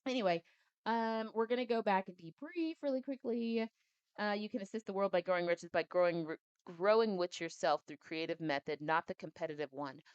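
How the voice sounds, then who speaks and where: Brief: young woman host, low smooth voice, reads a text then riffs casually, dry slightly dull recording. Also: dry recording. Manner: chatty, animated asides between reading. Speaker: podcast host reading and commenting. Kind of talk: book reading with casual commentary.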